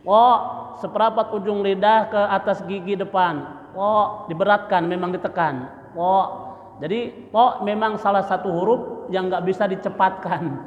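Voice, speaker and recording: A man teaching Quran recitation, slowly drilling letter sounds and repeating syllables, light jokes. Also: high voice, steady tone. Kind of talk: tajwid lesson with drilled pronunciation. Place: mosque hall. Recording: echoey mosque hall, dull lo-fi sound.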